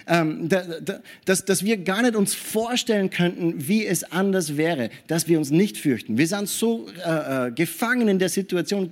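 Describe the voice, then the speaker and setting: A man preaching a sermon in an animated way, often checking in with his listeners and adding hallelujah and amen. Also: high voice. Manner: animated preaching with frequent tag questions.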